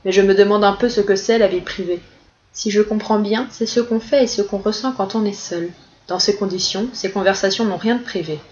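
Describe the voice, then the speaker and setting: A woman reading the opening pages of a novel aloud in a calm, even storytelling manner, in slightly dull audio. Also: mid-range voice, a little fast. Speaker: reader.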